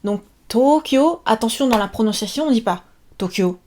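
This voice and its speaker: Woman, casual online language teacher, fairly high voice, bouncy and chatty with lots of fillers. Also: moderate pace, a little hiss or hum. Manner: lively, chatty, many fillers, playful asides. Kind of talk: casual video lesson.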